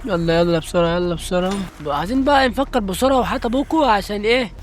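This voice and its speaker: Fast-talking Egyptian gamer. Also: male voice, high-pitched, a little hiss or hum. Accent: Egyptian Arabic. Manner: jumpy, exclaiming, talks to viewers. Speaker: gaming channel host. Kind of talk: let's play commentary.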